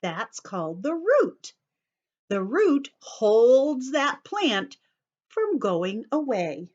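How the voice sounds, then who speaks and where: At an unhurried pace and with widely swinging pitch, a woman leads story time for little children, reading a picture book and explaining it simply. Animated and teacherly, she asks her listeners questions to check they're following. The sound is slightly dull and lo-fi.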